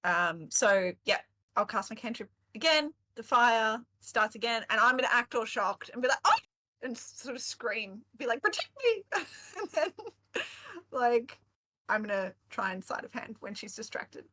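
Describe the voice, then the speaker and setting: A woman's voice: fairly high pitch, moderate pace, bright, forceful tone. A woman playing a tabletop game, chatty, giggly and hesitant. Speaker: player. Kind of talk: casual tabletop game play.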